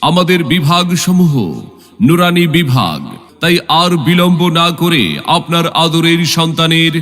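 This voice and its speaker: A man with a Bangladeshi accent reading a scripted public announcement advert in a formal, measured way with drawn-out phrases. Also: a little high, fairly even intonation, a bit bright. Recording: long echoing reverb, music bed. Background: music.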